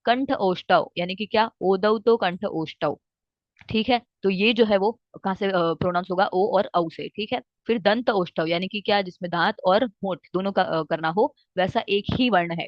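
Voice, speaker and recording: A woman teaching a lesson, often pausing to check in with "theek hai" and reciting verses slowly. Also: on the low side, dry recording. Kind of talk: explaining lesson with Hindi-English mix. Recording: dry, slightly dull recording.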